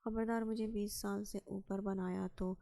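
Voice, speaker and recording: A woman's voice: mid-range voice, level tone, gravelly, warm tone, natural voice. A woman reading aloud and voicing a bold, talkative young woman who speaks in a sassy, outspoken way. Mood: defiant. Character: lively chatty young woman, bold and cheeky.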